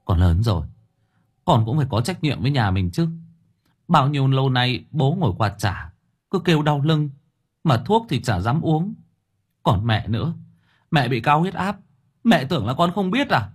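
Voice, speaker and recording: A man's voice: medium pitch, very animated, normal speed, long pauses, husky, voice pushed up. A man doing an earnest teenage son. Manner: stammering then earnest.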